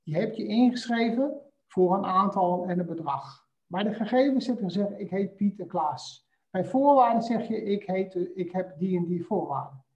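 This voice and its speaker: A man presenting a screen-share software walkthrough, talking hesitantly with frequent filler sounds. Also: high-pitched, expressive, moderate pace. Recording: slightly dull lo-fi audio.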